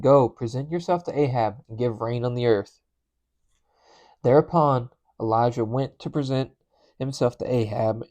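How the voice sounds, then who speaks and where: A man's voice: medium pitch, mellow. Earnest man reading scripture aloud. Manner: earnest, stumbles and restarts on names. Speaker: scripture reader.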